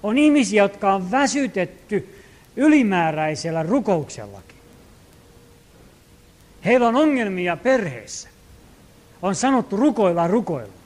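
A man with a notably high voice delivers a sermon as a pastor. He preaches earnestly, rising to loud calls and dropping to quiet, hushed asides. He acts out the prayers and commands he quotes. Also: sing-song, long pauses.

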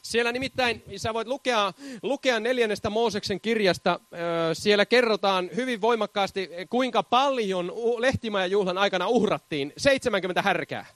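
High, bright-voiced fervent male preacher. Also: dry recording. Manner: fervent, keeps shouting hallelujah and laughing. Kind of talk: charismatic sermon.

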